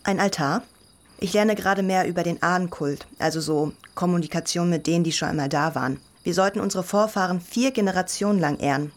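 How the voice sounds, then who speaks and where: An actress voicing a spiritual teenage girl, the youngest sister, who turns defensive and flares up quickly in a dubbed drama. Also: on the low side, close to an everyday voice. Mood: guarded.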